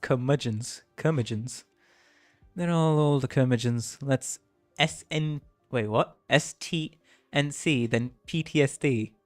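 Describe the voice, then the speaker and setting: A man's voice: medium pitch, slow, no echo, faint music behind. A man livestreaming a game, chatting casually and reading the dialogue aloud, laughing often and tripping over words.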